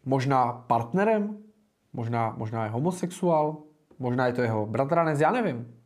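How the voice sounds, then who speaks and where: A man's voice: medium pitch, a little mellow. A young man in his twenties, speaking Czech, hosting a casual political livestream in a blunt, informal way with frequent filler sounds. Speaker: livestream host and political candidate.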